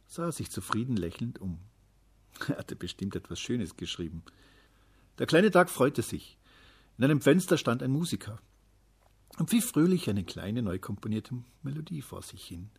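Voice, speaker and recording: Man reading a kids story, low husky voice, calm and even. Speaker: narrator.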